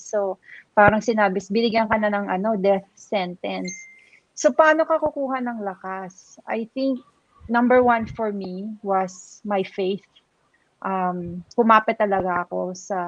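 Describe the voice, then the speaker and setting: A woman's voice: medium pitch, no echo, highs cut off. A woman with a Filipino accent, earnestly sharing her experience as a survivor in a chat, mixing Tagalog and English. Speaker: breast cancer survivor guest. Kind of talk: personal testimony in a chat.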